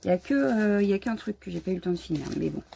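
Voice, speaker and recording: A woman's voice: medium pitch, lively intonation, rapid-fire, vocal fry, mellow, slight background noise. A woman hosting a casual live crafting stream from home, chatty and a bit scattered, greeting viewers as she shows her supplies. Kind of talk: casual live unboxing chat.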